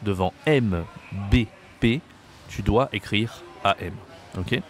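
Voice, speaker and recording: A man teaching a video lesson on pronunciation, slow and patient, repeating words and checking that the listener follows. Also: lowish voice. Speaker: French teacher. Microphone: camera mic.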